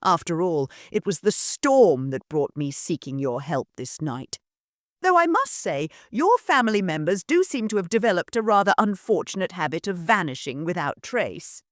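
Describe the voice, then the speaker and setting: A woman voicing a sinister, smooth-talking male aristocrat who purrs menacing politeness. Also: fairly low pitch, sing-song, moderate pace, dry recording, clean studio sound.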